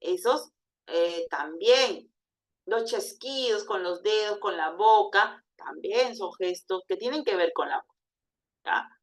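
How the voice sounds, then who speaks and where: A woman teaching an exam prep lesson, lively and demonstrative, often checking in with "¿ya?". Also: medium pitch, slow.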